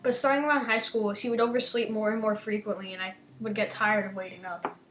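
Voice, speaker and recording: On her gaming channel, a young woman with a slight lisp talks casually and reads game text out loud, often letting her sentences fade off softly. She talks fast in a medium-pitched voice with fairly even intonation. The audio is reverberant, with faint music behind her.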